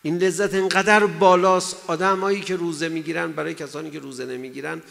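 A man's voice: fairly high pitch, fairly even intonation, creaky, a bit bright. A man giving a sermon in an emphatic way, asking his listeners rhetorical questions. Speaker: religious lecturer. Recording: long hall reverb.

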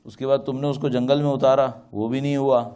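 Male cleric, storytelling sermon voice, mid pitch, relaxed and warm. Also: clean tone. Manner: storytelling, rhetorical questions, acts out quoted dialogue. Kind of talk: religious talk with anecdotes.

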